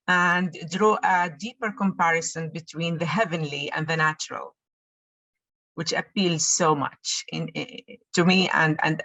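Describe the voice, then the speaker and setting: A woman in the audience giving a comment on a video call, halting and repeating words as she speaks. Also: low-pitched, sharp tone, dry recording. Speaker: audience member.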